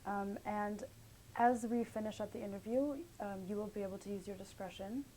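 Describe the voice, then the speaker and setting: Running an oral history interview, a young woman poses her questions hesitantly, filler words throughout, in a mellow, fairly even voice at a moderate pace. Beneath the low-quality recording there's a faint low rumble.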